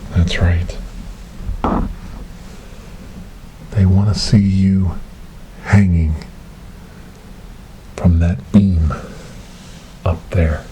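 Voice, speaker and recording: A man with a low-pitched voice takes the role of a calm, hypnotic government paranormal investigator in whispered ASMR horror role-play, the mood hushed and ominous. Softly and breathily, often in whisper, he speaks with deliberate, repetitive hushed delivery, captured in a noisy close binaural recording via a close binaural microphone.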